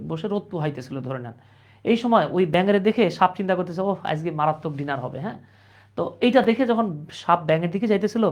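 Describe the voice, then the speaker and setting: A man's voice: sits high, darkish tone. Joking Bangladeshi English tutor, man. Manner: playful, colloquial, jokes with viewers. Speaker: English teacher. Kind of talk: online grammar lesson.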